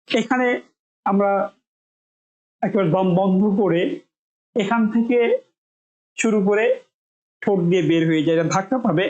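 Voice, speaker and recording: A woman from Bangladesh gives a spoken pronunciation lesson at a middle pitch. She demonstrates each sound slowly and repeats it several times for her students to copy. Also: darkish tone, echoey room, dull audio. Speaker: English pronunciation teacher.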